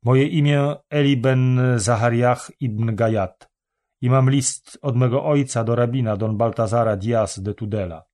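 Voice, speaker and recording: A gallant young traveler, read by a male narrator, speaking in a teasing, courtly way. His voice sits at an ordinary middle pitch and stays close to the narrator's own. It sounds like a character from a read-aloud storybook. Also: unhurried, darkish tone, natural voice. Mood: polite.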